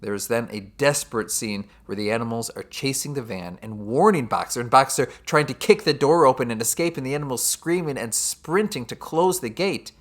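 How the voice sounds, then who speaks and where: A man's voice: mid-range voice, lively intonation, brisk, few pauses, a bit bright. A man giving a scripted summary of a novel chapter, with dry, sardonic asides. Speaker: literature teacher. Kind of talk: scripted book summary narration.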